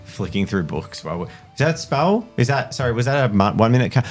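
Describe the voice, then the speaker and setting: A man's voice: medium pitch, very animated, fairly quick. A man running a tabletop game as game master, casually narrating and often stopping to correct himself. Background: music.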